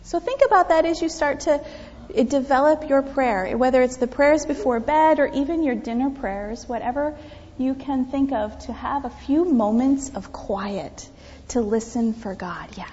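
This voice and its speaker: Addressing the children during church, a woman pastor with a high voice talks at a moderate pace. Her children's sermon is animated and full of questions, and she often drops to a whisper. It was recorded dully in a reverberant sanctuary.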